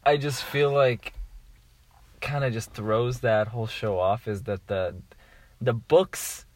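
A young man chatting casually about TV shows, animated and often trailing off mid-thought. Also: mid-range voice, slow.

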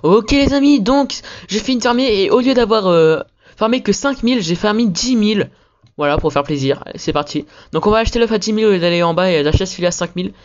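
A high-pitched, animated man rattles off slangy, rambling gaming chat at speed, opening his video on an upbeat note. The audio is dull, and he notes that he's sick, his throat thick with phlegm.

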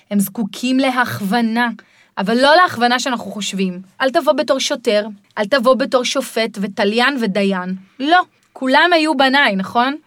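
Middle-aged woman, parenting guide, podcast chat, lively explaining, higher voice, dry close sound. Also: dry recording. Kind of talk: podcast conversation.

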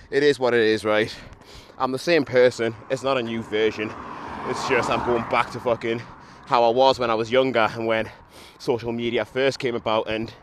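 A young podcaster, hungover and still somewhat drunk after a run, strolls along a street giving a casual, blunt, self-mocking monologue peppered with swearing. His voice sits at medium pitch. He records with a handheld mic and camera, and traffic noise fills the background.

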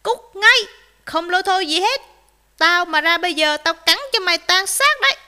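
A woman voicing a sly, bullying male fox in a children's story, shouting loud threats in a high voice. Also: expressive, moderate pace, heavily acted. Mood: menacing.

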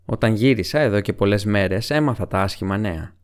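A man voicing Strider, a grave, weathered ranger who speaks in a calm, guarded way, in an audiobook reading. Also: on the low side, smooth, close to an everyday voice.

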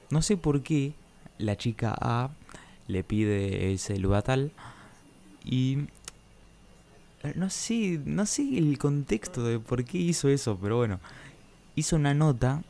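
A man's voice: fairly low pitch, a little mellow. A man with an Argentine accent telling a school story in a casual chat, hesitant and full of fillers. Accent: Argentine Rioplatense Spanish. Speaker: podcast co-host.

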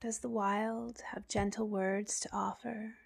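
A woman softly narrating a guided relaxation like a sleep story, half-whispering with long pauses. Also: medium pitch, flat delivery, gravelly, breathy edge.

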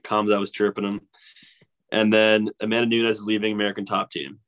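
A man's voice: on the low side, flat delivery, brisk, fairly bright tone. A man co-hosting a casual sports betting chat, talking loosely with lots of fillers, his voice coming through a muffled, gurgly phone line that sounds underwater. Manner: slangy, filler-heavy, lots of "like" and "bro". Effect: muffled, gurgly phone audio that sounds underwater. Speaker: podcast co-host.

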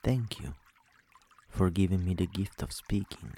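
This sleep meditation is guided by a man whose voice is very deep, dark and relaxed. He takes his time, speaking soothingly with long gaps between phrases, over a faint trickle of water-like noise.

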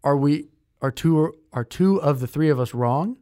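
Co-hosting a podcast, a young man keeps the conversation loose and chatty, peppered with fillers and self-corrections as he restarts his sentences. He speaks a little high at a moderate pace, with a mellow tone and dry, studio-quality sound free of room noise.

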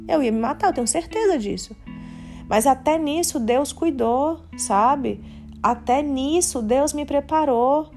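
A woman's voice: high voice, measured pace, a little mellow, faint music behind. A Brazilian woman in her late twenties hosting a podcast, speaking in a candid, confessional and faith-centered way, with casual slang. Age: late 20s. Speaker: podcast host. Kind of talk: candid personal monologue.

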